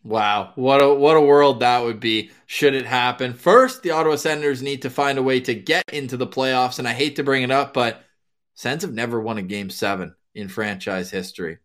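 Man, podcast host, casual sports chat, mid-pitched, jokey, upbeat plugs. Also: normal speed, a bit bright.

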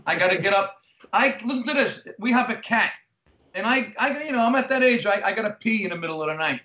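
A man in his late fifties with a New Jersey accent gripes in animated comic banter as a guest. His voice is high for a man. He sounds roomy and echoey, and the line is lo-fi. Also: fast talker. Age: 50s.

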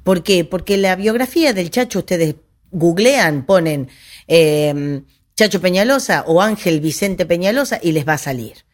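Chatty, low-voiced woman. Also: lively intonation, unhurried. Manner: conversational and digressive, with restarts and asides. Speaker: history presenter. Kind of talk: informal history talk to an audience.

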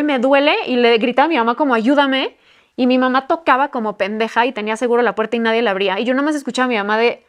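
A woman in her twenties with a Mexican accent, telling a personal story on a podcast in candid, slangy speech. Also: on the high side. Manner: candid, slangy, swears freely, acts out quotes. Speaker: podcast guest. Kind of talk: casual storytelling.

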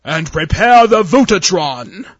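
Man doing a growly mad alien admiral, eye stalks and all, barking orders, husky, kinda lo-fi. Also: medium pitch, expressive, normal speed, fairly bright tone, dry recording. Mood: roaring. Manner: growling, commanding, blustering. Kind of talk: audio story reading.

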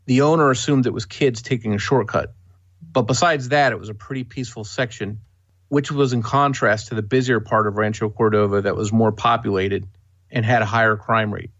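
A man co-hosting a podcast, reading a scripted true-crime narration in a steady, matter-of-fact way. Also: lowish voice, a little fast, dull audio. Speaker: podcast co-host.

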